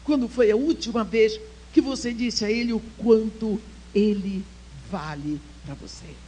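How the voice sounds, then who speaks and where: An older woman with a fairly high voice speaks at a measured pace over a faint hiss or hum. At a church women's conference she tells a personal story with real feeling. Her delivery swings from soft near-whispers to emphatic urging of her listeners.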